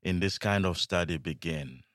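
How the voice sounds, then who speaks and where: A man's voice: sits low, moderate pace, dry recording, studio quality. A man hosting a podcast interview, asking questions with short agreeing interjections. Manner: warm interviewer, brief backchannels and laughs. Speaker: host.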